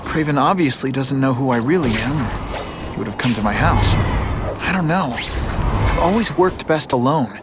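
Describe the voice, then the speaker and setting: An actor playing an earnest, wisecracking young student hero in a video game, with a boyish, quippy delivery. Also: male voice, mid-range voice, expressive, moderate pace, loud music behind the voice, close to an everyday voice. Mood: musing. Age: young adult. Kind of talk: video game character acting.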